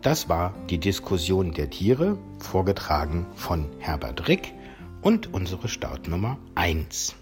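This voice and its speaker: Low-voiced male podcast host over music. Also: huge pitch swings, takes it slowly. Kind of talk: hosting and announcing.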